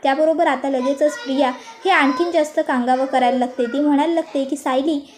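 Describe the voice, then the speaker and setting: A woman narrating a recap of a TV serial in steady storytelling. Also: high voice, a little fast.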